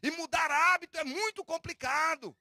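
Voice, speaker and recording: A man preaching a fervent sermon, calling the congregation beloved and brothers and rising to shouts on key phrases. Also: very high-pitched, normal speed, no echo, studio quality. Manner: addresses listeners as "amado" and "irmão". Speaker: pastor. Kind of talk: Pentecostal-style sermon.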